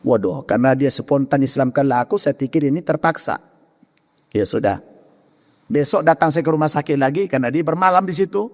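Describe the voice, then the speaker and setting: A man's voice: on the high side, a little fast. A middle-aged male preacher, telling a story in a sermon and acting out the voices of the people in it. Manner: dramatic, acts out the people he quotes. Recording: long hall reverb.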